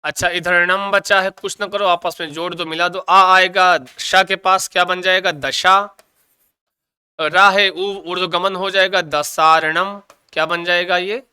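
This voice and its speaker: A man's voice: sits high, little pitch movement, measured pace, pushed and bright, clean tone, no echo. A man teaching Sanskrit grammar in an exam coaching lecture, asking questions and answering them himself, with much repetition. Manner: asks and answers his own questions, repeating answers; calls students "bhaiya" and "ji".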